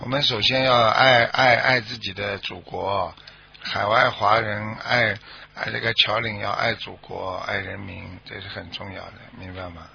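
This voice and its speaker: A man's voice: lowish voice, little pitch movement, moderate pace, creaky, pushed and bright, slight background noise. A man hosting a radio call-in show, lecturing and checking that listeners understand. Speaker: radio call-in host and religious teacher. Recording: lo-fi radio broadcast.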